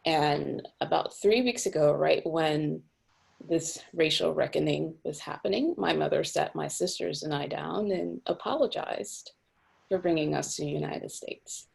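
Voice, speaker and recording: A low-pitched woman with a heavily gravelly, husky voice, from Cameroon, speaking on a video call. She is a young nonprofit director who talks thoughtfully, pausing with fillers and restarting her sentences. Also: darkish tone. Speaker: executive director of a housing nonprofit.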